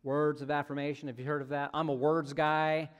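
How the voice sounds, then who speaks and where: A man's voice: on the high side, level tone, fairly quick, smooth, big-room sound, muffled recording. A man preaching a sermon as pastor, conversational with jokey asides and frequent "right?" checks to his congregation. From United States.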